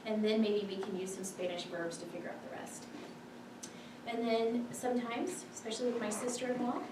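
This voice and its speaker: A woman's voice: a little high, steady tone, brisk, recorded from a distance. A woman, a physician assistant, teaching a classroom lesson in a casual, chatty way, full of filler words. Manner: chatty, filler-heavy, many "like"s. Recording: echoey room from afar, background noise.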